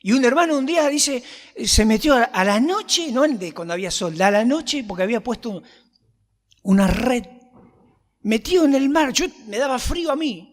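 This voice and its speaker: Rioplatense preacher in a reverberant church. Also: male voice, extremely high pitch, expressive, normal speed. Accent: Rioplatense Spanish. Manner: conversational storytelling with humorous asides. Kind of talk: sermon with Bible reading. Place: church hall.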